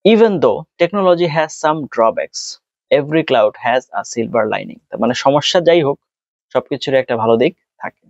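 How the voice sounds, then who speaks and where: A man's voice: mid-range voice, lively intonation, a little slow, vocal fry, no room sound. A man with a Bangladeshi accent, an exam tutor explaining tips step by step and mixing in English terms. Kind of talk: spoken tutorial. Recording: dull, dry sound.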